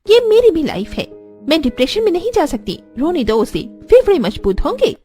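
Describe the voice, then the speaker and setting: A spoiled young cartoon mother, as a woman plays her, shrill and high, whining and waving things off. Her pitch swoops up sharply, with faint music underneath. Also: very animated, moderate pace, dark tone. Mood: defiant. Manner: whiny, dismissive, mixes English words. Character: spoiled modern young mother, selfish, dismissive.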